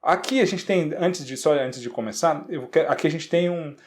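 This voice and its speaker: A man with a Brazilian accent teaching an English grammar lesson, slowing down to model example sentences and checking in with quick tag questions. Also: on the high side. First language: Portuguese.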